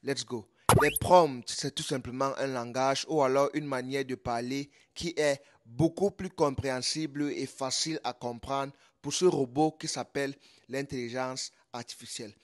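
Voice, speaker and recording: A man walks through a tech tutorial in a relaxed, conversational way. He explains patiently, circling back and repeating his examples so each step lands. His voice sits at an ordinary middle pitch. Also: normal speed. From Cameroon.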